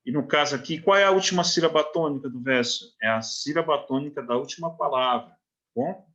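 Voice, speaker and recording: This recorded online literature lesson comes from a man with a Brazilian Portuguese accent who pauses for short questions and breaks verse into syllables. His voice is a little high and fairly bright, he talks fairly quickly, and the recording is muffled.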